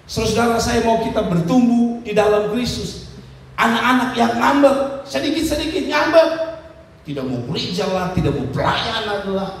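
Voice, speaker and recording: Male pastor, high voice, preaching, scolding and repetitive, heavy echo from far off. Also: gravelly, slight background noise. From Indonesia. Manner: direct, scolding, repeats phrases for emphasis; calls out to the congregation with "saudara" and "amin". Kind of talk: sermon. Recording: echoey hall recorded from far off, faint ambience.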